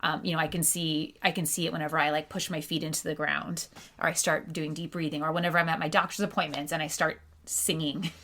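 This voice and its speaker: A woman's voice: low-pitched, little pitch movement, fast, bright, forceful tone. A woman co-hosting a podcast, speaking in an earnest, reflective casual chat. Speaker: podcast co-host.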